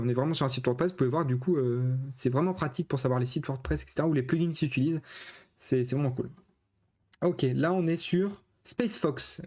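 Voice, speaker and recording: A man's voice: medium pitch, mellow. A man from France casually commenting on his screen as a web developer, thinking aloud with many hesitations.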